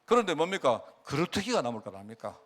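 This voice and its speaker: Middle-aged male pastor, lively sermon delivery, slightly high voice. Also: fast talker. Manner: animated, asks the congregation questions; acts out God's words in quoted speech.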